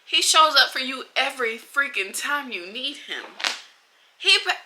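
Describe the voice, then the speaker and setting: A woman's voice: high voice, expressive, measured pace, noisy background. A young adult woman chatting bluntly and animatedly in a book vlog, full of slang and asides. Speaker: book vlogger. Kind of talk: casual reading wrap-up chat.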